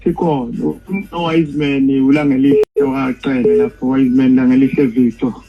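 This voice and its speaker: Male caller, Zulu accent, hesitant casual questions, muffled phone sound, music clearly behind. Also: medium pitch, level tone, quick pace. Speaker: fan calling in with questions.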